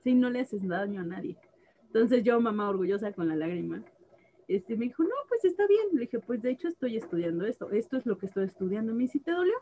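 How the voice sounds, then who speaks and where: A woman's voice: medium pitch, quick pace, lo-fi sound, slight background noise. A woman, a tattoo artist chatting casually and acting out conversations as she tells stories. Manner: animated storyteller, acts out dialogue, laughs often. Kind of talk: casual chat.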